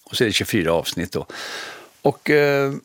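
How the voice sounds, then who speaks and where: A middle-aged man, hosting a radio show and telling stories his acting career in a lively way. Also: mid-range voice, no room sound, clean studio sound. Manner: animated, acts out quoted voices. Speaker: radio host telling his life story. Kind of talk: casual storytelling.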